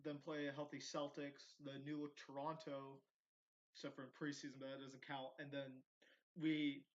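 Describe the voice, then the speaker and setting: A man's voice: medium pitch, flat delivery, moderate pace. A man hosting a casual sports podcast who swears in banter, then talks through his picks steadily. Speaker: podcast host. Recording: dull lo-fi audio.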